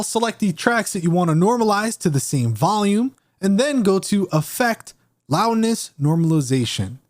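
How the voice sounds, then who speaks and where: A man presenting a screen-recorded software tutorial, walking through each step clearly. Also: sits high. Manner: clear, step-by-step instructional delivery.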